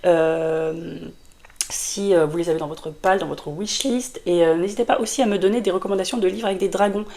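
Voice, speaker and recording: A book vlogger reviews a fantasy novel to camera in a casual style, her voice fairly low, brisk and dark in tone. She has a sore throat from a cold and talks in a chatty, rambling way, full of fillers and restarts.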